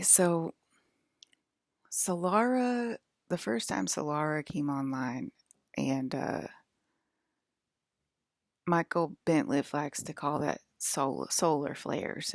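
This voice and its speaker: Low gravelly woman in her forties. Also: slow, long pauses, no room sound, clean studio sound. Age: 40s. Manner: talks to viewers with frequent "okay?" and "right?"; defiant, scolding toward her audience. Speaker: vlogger. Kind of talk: rambling direct-to-camera monologue.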